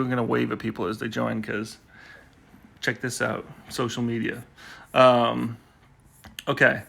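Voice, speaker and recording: A man's voice: medium pitch, vocal fry, sharp tone. A man hosting his own live poetry stream, chatting and teasing viewers in a rambling way while he waits to start, recorded on a phone indoors at home. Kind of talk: casual chat to live viewers.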